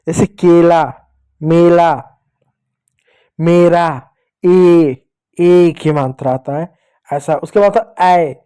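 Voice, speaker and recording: In a children's Hindi reading lesson, a playful male teacher speaks with a high voice that is still dark-toned and smooth. He often repeats "pyare bachchon" and acts out cries to demonstrate sounds for his young pupils.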